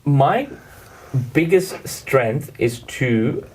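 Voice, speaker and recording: A man talking as an interview guest in a relaxed, halting way, with many restarts and quick agreement. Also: medium pitch, breathy edge, poor audio. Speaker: guest, luxury car sales manager. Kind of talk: casual interview chat.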